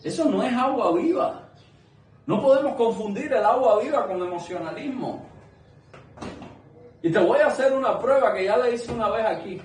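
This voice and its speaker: A man's voice: very high voice, lively intonation, normal speed, pauses often, a little hiss or hum. A man preaching a sermon to a small congregation, earnest and conversational, asking many rhetorical questions. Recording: echoey room, mic at a distance.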